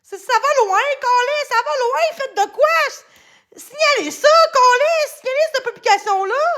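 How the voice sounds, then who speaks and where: A woman with a Québécois accent ranting on a livestream, swearing constantly and often shouting. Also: very high-pitched, expressive, moderate pace. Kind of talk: angry livestream rant.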